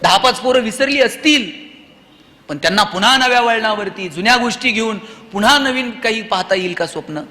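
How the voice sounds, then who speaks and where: A man with a Marathi accent addresses students in a motivational speech, leaning on rhetorical questions and lively storytelling. His voice sits high and sounds bright and forceful. The recording carries the long reverb of a large hall. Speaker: motivational speaker. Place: auditorium.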